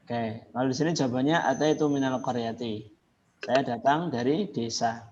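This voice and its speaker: A man teaching an Arabic class online, patiently repeating phrases slowly for his students. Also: mid-range voice, a little mellow, slight background noise. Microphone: video call. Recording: muffled video call with chattering students.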